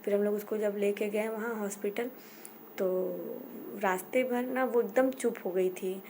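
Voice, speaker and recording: A woman telling her family's story as a mother, in a halting way, circling back and repeating herself. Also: mid-range voice, steady tone, warm tone, a little hiss or hum. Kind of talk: personal storytelling.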